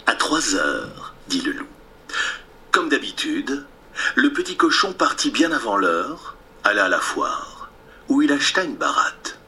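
Bright, lively male storyteller. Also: medium pitch, measured pace, slight background noise. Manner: expressive, playful sing-song reading. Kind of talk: storybook narration for children.

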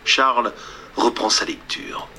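A man narrating a storybook in a soft, hushed delivery that often drops to a near whisper. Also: takes it slowly. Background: music.

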